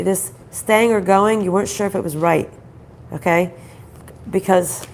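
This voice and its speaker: A spiritual card reader hosting an intuitive reading speaks in a mid-range, slightly mellow voice that's groggy, croaky and gravelly, as if her throat is troubling her. She's conversational and halting, repeating phrases and asking rhetorical questions, with faint background noise.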